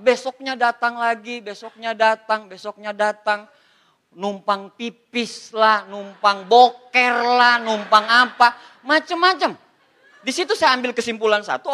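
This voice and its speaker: A man telling a funny story to a seminar audience, animated and acting out other people's voices. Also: very high-pitched, a little hiss or hum. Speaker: motivational speaker. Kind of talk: humorous storytelling talk.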